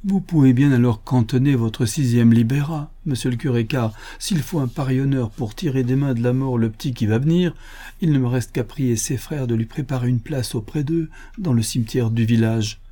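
A man's voice: mid-range voice, moderate pace, mellow, lightly acted. A man reading a storybook voices a poor, devout peasant mother who sighs and pleads in distress. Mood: despairing. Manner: pleading and tearful.

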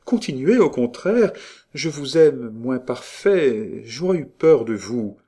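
A man's voice: mid-range voice, big pitch swings, takes it slowly, warm tone, voice pushed up. A man reading an audiobook, voicing a playful, teasing young noblewoman in a light, raised voice.

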